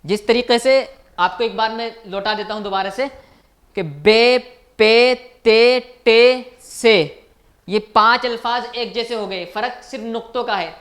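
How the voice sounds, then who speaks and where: His voice is high, steady, and fairly bright, and he talks fairly quickly. He's a language teacher giving a recorded online lecture, patiently repeating each point and quizzing his viewers.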